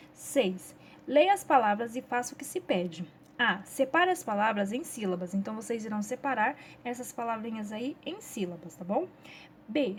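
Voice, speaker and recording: A woman's voice: sits high, slight background noise. A woman teacher with a Brazilian Portuguese accent, patiently going through a children's workbook step by step and checking in often with her class.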